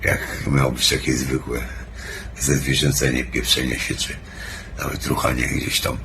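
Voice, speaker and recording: Bardzo niski, upalony męski głos. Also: male voice, extremely low pitch, monotone, a little slow, noisy background. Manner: stoned, sluggish rambling. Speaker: vlogger. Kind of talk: casual rambling monologue, heavy swearing.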